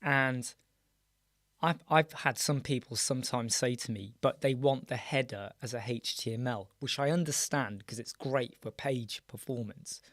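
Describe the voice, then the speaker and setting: In a small dark room padded with soundproof panels, a British male host chats unhurriedly with his live-stream audience, with no room sound at all. His hoarse, mid-pitched voice is a bit bright and croaky, and he keeps clearing his throat. Chatty and casual, he greets viewers by name, often trailing off and beginning again.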